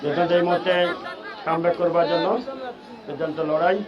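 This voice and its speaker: A Bangladeshi man giving excited, urgent live football commentary, repeating stock phrases as he follows the play. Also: on the high side, fast, muffled recording, crowd noise. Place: outdoor football ground.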